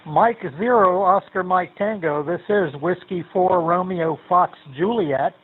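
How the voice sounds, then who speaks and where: Older man, radio operator, tinny radio transmission, dry sound, rambling and relaxed. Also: sits high, a little slow, breathy edge, no echo. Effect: tinny narrow-band radio transmission. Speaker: amateur radio operator checking in. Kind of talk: amateur radio net chat.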